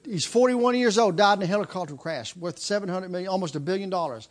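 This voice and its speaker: High-voiced preaching man in his fifties. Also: fast talker. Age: 50s. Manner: impassioned preaching with repeated phrases and restarts. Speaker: pastor. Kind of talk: sermon.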